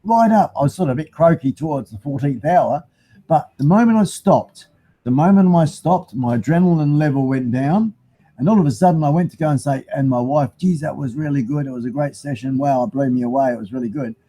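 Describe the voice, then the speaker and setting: A man with a broad New Zealand accent runs a casual live stream, rambling in a matey way and reading out comments from viewers. His slightly high voice is warm and fairly quick. Audio quality is poor.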